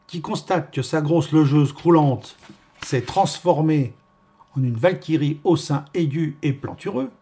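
A man reading a novel aloud as narrator, in a wry, measured manner. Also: on the high side, warm tone, breathy edge. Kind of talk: audiobook reading.

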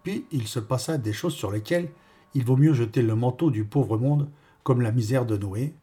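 A male narrator reads a novel aloud with a wry, measured delivery. His voice is husky and of middling pitch. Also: mellow. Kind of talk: audiobook reading.

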